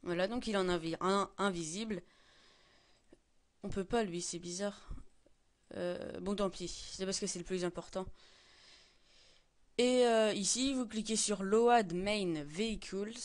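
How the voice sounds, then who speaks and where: A man's voice: sits high, a little slow, pauses often. A teenage boy walking through a game mod tutorial, hesitant and full of fillers and self-corrections. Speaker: gaming tutorial maker. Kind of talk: screen-recorded tutorial.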